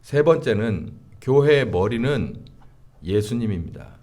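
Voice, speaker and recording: A middle-aged male pastor delivering a sermon slowly and deliberately, with frequent filler sounds between phrases. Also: mid-range voice, lively intonation, dark tone.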